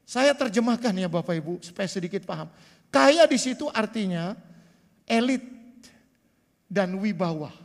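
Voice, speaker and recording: A man in his sixties preaching a sermon as pastor, swinging between loud emphatic bursts and quiet asides. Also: sits high, lively intonation, measured pace, creaky, long pauses, big-room sound. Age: 60s. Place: church sanctuary.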